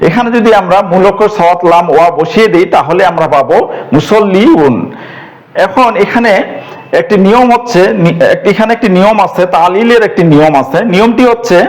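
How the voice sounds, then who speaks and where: A man with a notably high voice teaches grammar in a recorded lesson. He goes slowly and patiently and repeats each term. He fills his pauses with soft hesitations. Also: rough recording. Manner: slow and patient, repeats terms, pauses with fillers. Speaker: teacher of Quranic Arabic grammar.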